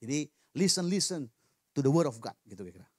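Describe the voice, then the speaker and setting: A man preaching a sermon in a church, lively and joking with the congregation. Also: a little high, fast talker, no echo, studio quality. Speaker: pastor. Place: church hall.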